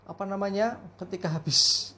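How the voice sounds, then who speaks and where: A woman's voice: mid-range voice, normal speed, bright, forceful tone. A woman preaching a family worship sermon, telling stories with frequent fillers.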